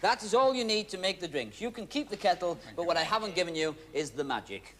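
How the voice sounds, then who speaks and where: A man's voice: sits high, animated, fast talker. A man hosting a magic show, chatting and teasing through stage patter before a studio audience. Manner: chatty, teasing, playful asides. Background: audience noise and laughter.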